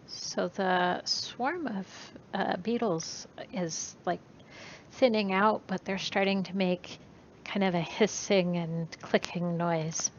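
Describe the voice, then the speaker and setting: Relaxed woman running a tabletop game. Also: fairly low pitch, slow. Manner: relaxed, guiding players with fillers. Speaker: game master. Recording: dull lo-fi voice chat with faint noise.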